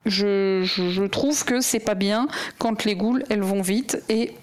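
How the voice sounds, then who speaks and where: A woman's voice: medium pitch, measured pace. A woman co-hosting a podcast in casual chat, rambling with many fillers and restarts. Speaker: podcast co-host.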